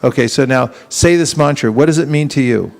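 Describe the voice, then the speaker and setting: A man runs a live teaching seminar, speaking a little fast in a medium pitch while some chatter goes on behind him. He fires question after question at his audience and acts out both sides of short street exchanges in quoted voices.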